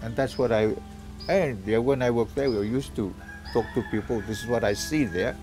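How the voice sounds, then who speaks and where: A man talking casually and haltingly in an interview, repeating himself. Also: medium pitch, a little mellow, faint music behind. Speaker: village elder. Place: open porch outdoors among palms.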